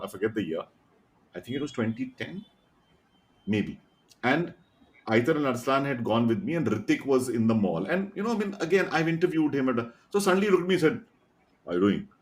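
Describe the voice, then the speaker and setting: A middle-aged man from India with an Indian accent, a podcast guest telling animated anecdotes full of quoted dialogue. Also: mid-range voice. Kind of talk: casual storytelling chat.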